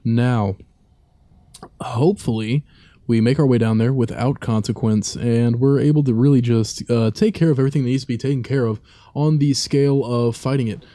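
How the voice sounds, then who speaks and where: Man, young adult, mellow low-key tone, casual game commentary, rambling with fillers. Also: fairly even intonation, moderate pace, dry recording. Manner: rambling, many fillers and asides. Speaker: let's play commentator.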